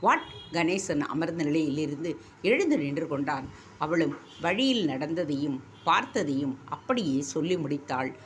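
A woman reading a story aloud in a measured, expressive way. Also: low voice, slight background noise. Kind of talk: scripted story narration.

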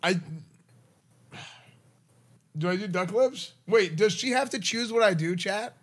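A man's voice: high-pitched, unhurried, slightly rough. A man, bantering casually and expressively as a livestreamer. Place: indoor room at home. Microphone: streaming mic on boom arm.

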